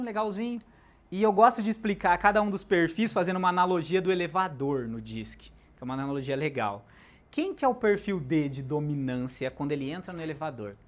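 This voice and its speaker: A man giving a live sales lecture, animated, shifting loudness and pace for emphasis and throwing questions at the audience. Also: high voice. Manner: talks directly to the audience with questions.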